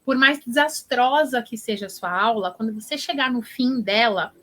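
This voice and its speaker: A woman teacher answering interview questions, telling stories in an animated, encouraging way. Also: a little high, moderate pace. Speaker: teacher and education influencer guest.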